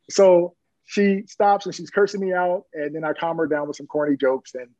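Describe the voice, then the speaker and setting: A middle-aged police officer telling personal stories in an interview, earnest and plain-spoken, often chuckling. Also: male voice, high voice, little pitch movement, unhurried, no room sound, lo-fi sound.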